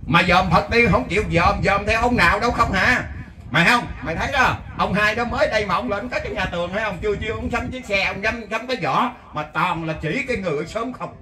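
Southern vietnamese guy preaching, fairly high voice, storytelling, chants verses, echoey and far from the mic. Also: fast talker, pushed and bright. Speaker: lay Buddhist preacher. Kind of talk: folksy sermon to a gathering. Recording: echoey, distant mic, faint hiss.

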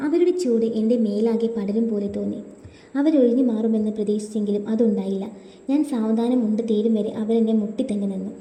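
Woman story narrator, steady first-person reading, very dark mellow voice, roomy echo with long reverb. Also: a little high, a little fast.

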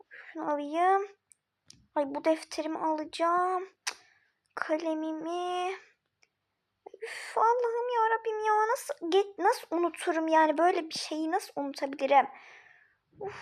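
In a homemade mini-series, a woman with an extremely high voice plays a flustered older sister hurrying off to school, talking to herself and repeating words.

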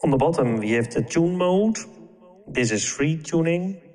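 A man narrating a software tutorial, calm and explanatory, with the odd filler. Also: fairly high pitch, unhurried, big-room sound. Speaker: app tutorial presenter.

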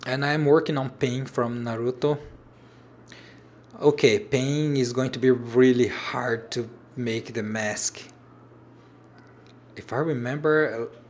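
In a home room with shelves, a Brazilian origami designer in his thirties hosts a livestream, casually chatting through viewer comments. His medium-pitched voice sounds a little mellow, with a little hiss or hum. Since Portuguese is his native tongue, he's hesitant, frequently restarting phrases as he looks for English words.

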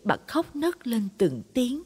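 A woman's voice: a little high, takes it slowly, breathy edge. Woman narrating a late-night story, reverb. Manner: dramatic, expressive storytelling. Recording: long reverb on voice.

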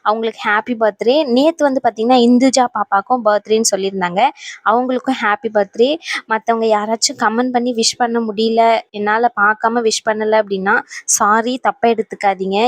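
A high-voiced woman hosts her cartoon channel in a chatty, apologetic way. Her voice sits close and dry, with no room sound around it. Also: dry recording. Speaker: channel host. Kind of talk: casual chat.

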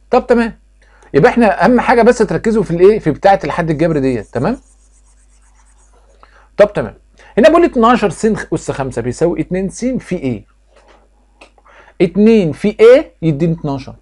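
A man with an Egyptian accent runs through a math review at a very fast pace. His voice sits somewhat high for a man. He quizzes the class, answers his own questions, and drills each step over and over. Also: darkish tone. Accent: Egyptian Arabic. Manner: repeats steps like a drill. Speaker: math teacher.

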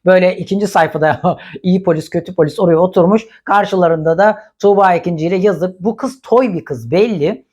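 A woman's voice: on the low side, brisk, darkish tone, breathy edge. Blunt, indignant woman gossip commentator.

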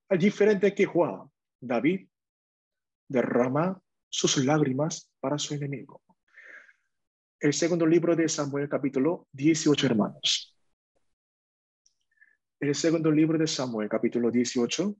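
A man preaching a sermon in a church, reading Bible verses slowly and deliberately. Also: on the high side, darkish tone, breathy edge. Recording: dull, lo-fi dry recording.

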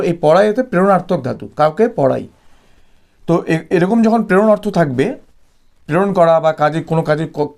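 A man from West Bengal teaching a Sanskrit grammar lesson for exams. He explains patiently and repeats points, with many "ah" fillers, and slows down to spell out example sentences. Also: fairly high pitch, a little mellow. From West Bengal, India. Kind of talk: exam-prep grammar lesson.

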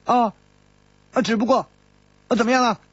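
A male storyteller voicing a proud, hot-tempered young swordswoman who shouts indignantly. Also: moderate pace, breathy edge, full character voice. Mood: impatient. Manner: shrill and indignant. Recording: dull lo-fi audiobook recording.

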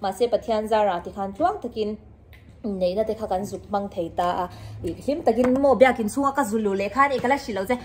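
A woman's voice: a little high, quick pace, a little mellow, slight background noise. A young woman vlogging casually about her wedding, chatty and rambling, often laughing as she talks. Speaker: vlogger, half of a married couple. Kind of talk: casual chat.

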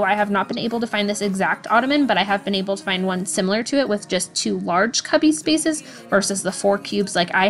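A woman's voice: on the high side, a bit bright. A young woman narrating her home-cleaning vlog in a voice-over, in an upbeat, chatty way. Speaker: cleaning vlogger. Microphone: voice-over, recorded separately. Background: faint background music.

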